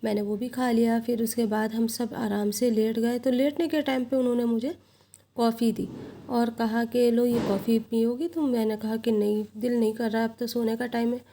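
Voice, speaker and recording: A woman telling a somber first-person story in a steady, recounting way. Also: on the high side, moderate pace, a little hiss or hum.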